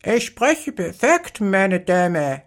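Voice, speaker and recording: A man's voice: sits high, big pitch swings, drawn-out words, pitched above the performer's own voice, heavily acted. A man voicing an indignant, fussy parrot in a storybook, with a squawky, strained voice.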